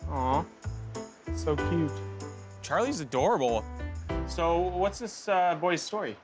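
A man's voice: a little high, animated, takes it slowly. A man hosting at a farm sanctuary, chatting in an upbeat way outdoors and coaxing the animals playfully. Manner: upbeat, talks to goats playfully. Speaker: sanctuary founder and show host. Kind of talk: casual chat on a farm. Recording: with music underneath.

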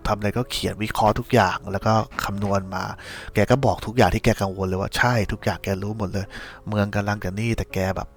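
A man's voice: on the low side, steady tone, fast talker, hardly any pauses, faint music behind. A man hosting a podcast, telling a casual spoiler recap of a series in a rambling, slangy way with many restarts. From Thailand.

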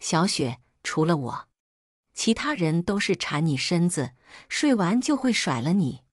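A woman's voice: lowish voice, sing-song, a little slow, dry recording, clean studio sound. A woman voicing a possessive, angry husband in a spoken drama, demanding and accusing.

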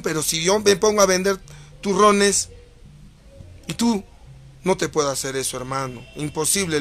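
A man with a Peruvian accent reading viewer comments and ranting back at them, crude and theatrical, shifting between loud mock outbursts and low muttering. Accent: Peruvian Spanish. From Peru. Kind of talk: casual profane rant.

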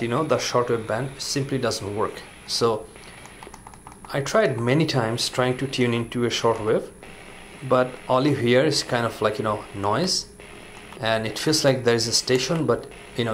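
An everyday man's voice of ordinary pitch talks through a gadget demo in a relaxed, rambling way, full of "you know" and "uh". He is off-screen in an indoor room, and a faint background hiss sits under his voice. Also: normal speed, poor audio. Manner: relaxed, filler-heavy, says "you know" often. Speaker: product reviewer. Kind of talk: casual hands-on product demonstration.

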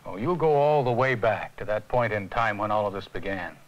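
A man in a 1980s educational film, calmly asking questions as a guiding figure. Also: on the low side, brisk, muffled recording. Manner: calm, gently questioning. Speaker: guide figure in a training film.

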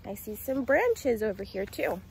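A woman in her twenties leads young children on what sounds like a nature walk through a residential yard, teacher-style, with simple sing-song phrases and questions. Her voice is on the high side, sing-song, measured, and touched with vocal fry, and the rough arm's-length phone recording has a bit of hiss or hum.

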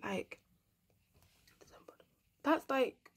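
A young woman from England, ranting casually to camera as a vlogger, rambling and swearing bluntly. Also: extremely slow.

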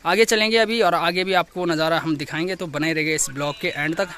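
Filming on a handheld camera outdoors, a young vlogger from Uttarakhand, India, walks through his hill village talking to viewers and hailing neighbours with loud, warm calls. He speaks a little fast in a slightly high, clean voice with a steady tone, and keeps up chatty commentary.

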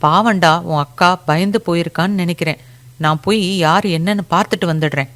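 Woman doing gentle village man, casual and caring, quick chatty lines, storybook reading. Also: fairly low pitch, lightly acted. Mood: concerned. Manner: soft-hearted, casual.

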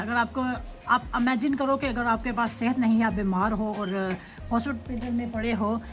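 A woman from Pakistan vlogging casually about rain, talking slowly and thoughtfully with many fillers, filming on a phone from her back door. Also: fairly high pitch. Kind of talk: casual vlog chat, switching between English and Urdu. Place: at an open back door of a house, looking onto a garden. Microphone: phone camera held in hand.

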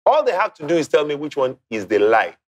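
A middle-aged game show host fronts a TV quiz in an indoor studio, speaking fast with big pitch swings. He's theatrical, stretching out key words, and his lapel mic catches faint music in the background.

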